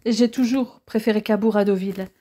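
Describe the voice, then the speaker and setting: A woman's voice: mid-range voice, steady tone, fairly quick, mellow, natural voice. A woman reading a romantic young man. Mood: fond.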